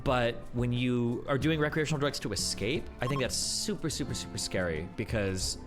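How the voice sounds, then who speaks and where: A man's voice: mid-range voice, normal speed. A man giving casual, rambling commentary as a streamer, slangy and often hesitant and correcting himself mid-thought. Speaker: streamer reacting to a video. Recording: music faintly behind. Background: faint music.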